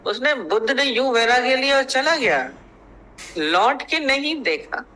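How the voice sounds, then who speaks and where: A man's voice: very high-pitched, lively intonation, a little slow, pushed and bright, slight background noise, rough recording. A man giving a spiritual discourse as a teacher. He tells stories, acts out their dialogue, and repeats phrases to press his point. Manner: storytelling, acting out quoted dialogue.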